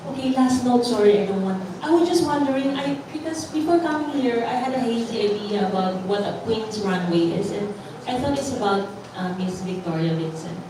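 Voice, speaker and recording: A woman's voice: on the high side, expressive, brisk. A woman journalist asking rambling, apologetic questions at a press Q&A. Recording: echoey room, distant mic, noisy.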